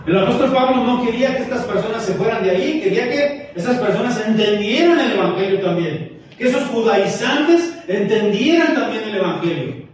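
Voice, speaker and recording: Male pastor, lighthearted sermon, high voice, distant and roomy. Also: lively intonation, fairly quick, a little hiss or hum. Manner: storytelling, joking with the congregation. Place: church hall. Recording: echoey hall from far off.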